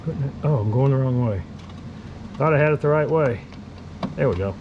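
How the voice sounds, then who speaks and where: Chatty middle-aged hobbyist in a noisy garage. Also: male voice, medium pitch, fairly quick, dull audio. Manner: chatty, wry, chuckling asides. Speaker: model railroad hobbyist, co-host. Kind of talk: casual chat while unboxing. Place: garage workshop and train room, indoors. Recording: noisy home video audio.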